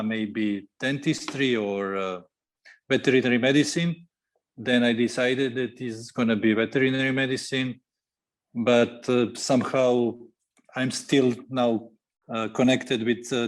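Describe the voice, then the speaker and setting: A man, a guest veterinarian on a podcast interview, speaking haltingly with many fillers and grammar. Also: medium pitch. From Serbia. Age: 40s.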